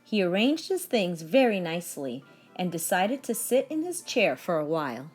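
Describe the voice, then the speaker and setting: A woman's voice: lowish voice, very animated, moderate pace, soft background music. A woman narrating a read-aloud for young children, with vocabulary and questions. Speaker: story reader.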